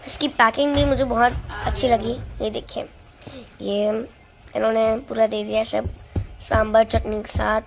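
Chatty teenage girl, high voice. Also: moderate pace, gravelly, music in the background. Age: teens. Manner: chatty, excited, showing things to camera. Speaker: vlogger, elder daughter. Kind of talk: casual vlog chat. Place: at home, then in a moving car.

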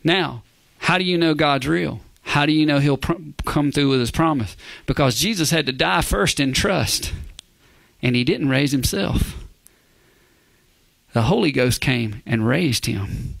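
A male pastor with a slightly high, animated voice and some vocal fry delivers an emphatic verse-by-verse sermon without hurrying. He often calls out "Amen?" to the congregation and sinks into a whisper for emphasis; there's no audible room sound.

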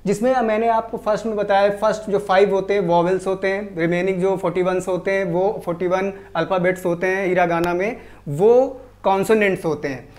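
A woman teaching a language lesson, reading syllables one by one in a slow, deliberate drill on borrowed words. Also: mid-range voice, steady tone, a little mellow. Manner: slow, deliberate, repeats each syllable clearly. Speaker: Japanese teacher.

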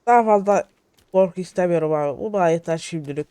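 Young male let's-play host, excitable and jittery, bright high register, dry close sound. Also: quick pace, smooth, dry recording. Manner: excitable, shouting at game companions, jittery. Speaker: gaming YouTuber. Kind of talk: solo let's-play commentary.

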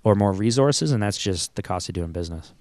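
A man with a lowish voice recorded close and dry, talking through answers in a relaxed way. He keeps circling back and restarting his sentences, laughs easily, and sounds like an agency owner chatting on his own podcast. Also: fairly quick, no echo. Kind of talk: casual conversational interview answers.

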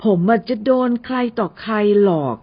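A woman's voice: moderate pace, highs cut off, lightly acted. A woman reading an audio novel and voicing a young wealthy male boss who speaks politely and teases his new secretary. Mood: earnest. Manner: polite, playful, mock-offended.

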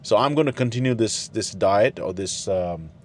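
A middle-aged man chatting to camera from a parked car into a handheld mic, halting with many fillers. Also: lowish voice, animated, slight background noise. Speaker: dad in a family gym vlog. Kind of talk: casual talk to camera. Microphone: handheld fluffy wireless mic.

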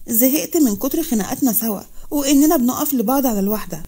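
A woman's voice: high-pitched, expressive, fast talker, slightly rough. A woman voicing a defiant young Egyptian doctor. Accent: Egyptian Arabic. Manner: sharp-tongued and defiant.

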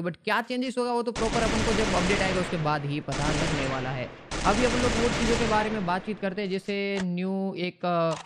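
A man's voice: high voice, background noise. A man hosting a casual gaming update vlog, chatty and colloquial, often rephrasing himself and calling his viewers brother and guys. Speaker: gaming channel host.

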